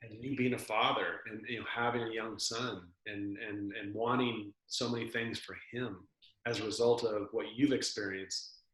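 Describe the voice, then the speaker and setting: A man's voice: lowish voice, bright, forceful tone. A man co-hosting a podcast, talking reflectively in casual conversation, often restarting his words as he gathers his thoughts. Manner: reflective, searching, repeats words as he thinks. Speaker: podcast co-host. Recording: roomy echo.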